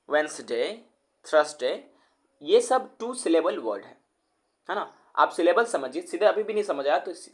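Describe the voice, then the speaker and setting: A man teaches English grammar in a slightly high voice. He calls his viewers friends and says each word over, slowly, one syllable at a time. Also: fairly bright tone. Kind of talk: explanatory lecture.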